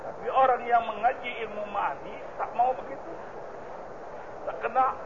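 A man's voice: very high voice, steady tone, moderate pace. A man teaching a religious study lesson on a hadith text, emphatic and asking and answering his own questions. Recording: muffled lo-fi recording with clear background noise.

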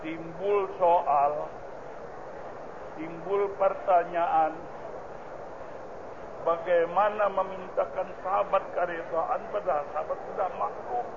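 A man teaches a religious study lesson, working through a hadith text. He is emphatic and keeps posing questions to his listeners and then answering them himself. His voice sits high and gravelly, and the recording is muffled and lo-fi with clear noise behind him. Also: fairly even intonation, slow pace, long pauses.

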